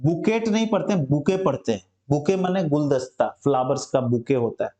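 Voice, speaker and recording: A man's voice: mid-range voice, animated, mellow. Man teaching English words in an echoey room. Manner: explains each word slowly, often asks "understood?". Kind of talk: Hindi-language English vocabulary lesson.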